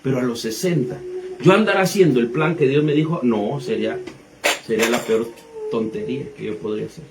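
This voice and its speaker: Briskly and in a mid-range voice, a pastor in his thirties explains the Bible conversationally with rhetorical questions and everyday examples. Background noise is audible.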